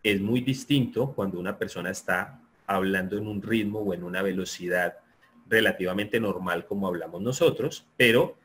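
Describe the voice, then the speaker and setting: A man giving an online lecture, explaining in a steady, repetitive way and often checking that listeners agree. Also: low-pitched, moderate pace, a little hiss or hum. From Colombia. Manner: explanatory, repeats himself, asks listeners for agreement. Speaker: sports psychology lecturer.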